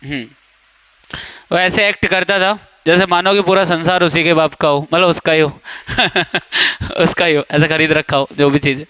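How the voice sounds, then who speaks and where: Young male coaching-class teacher, high clear voice, playful and teasing with students, dry classroom sound. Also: steady tone, moderate pace, bright, forceful tone, no room sound. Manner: joking, teasing students, quizzing them by name. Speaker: English teacher. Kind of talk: classroom grammar lesson.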